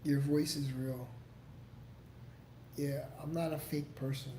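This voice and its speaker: A man hosts a casual livestream, answering viewer comments in a rambling, profane manner and restarting his sentences often. His voice is on the high side, warm and level, and he talks slowly in an echoey room with faint background noise.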